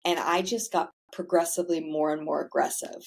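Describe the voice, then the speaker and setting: A woman with a somewhat low, creaky voice tells her story in a casual podcast interview as the founder of a self-care center. She talks briskly in a steady tone, candid and chatty, dropping the odd swear word without fuss.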